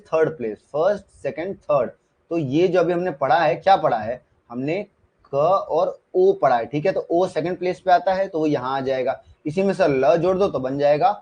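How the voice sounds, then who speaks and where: In a live online class on shorthand, a man with a somewhat high and a little mellow voice chats in a relaxed way. He often repeats himself and asks whether students are with him. Audio quality is dull and lo-fi.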